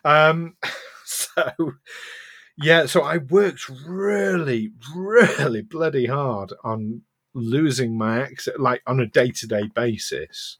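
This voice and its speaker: This is a middle-aged man with a soft Yorkshire accent, co-hosting a podcast. His voice is husky and of middling pitch. He chats loosely, laughs at himself and often starts a sentence over. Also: slow pace. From Yorkshire, England. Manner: chatty and self-mocking, laughs often, restarts sentences. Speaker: podcast co-host. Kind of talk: casual podcast chat.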